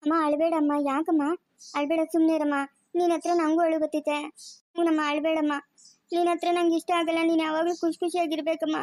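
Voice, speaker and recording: Casting: a woman as a young daughter, gently reassuring, high bright voice, dry sound. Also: little pitch movement, fast talker, dry recording. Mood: soothing. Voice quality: soothing, reassuring. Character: young working daughter, soothing and evasive. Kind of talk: amateur family drama acting.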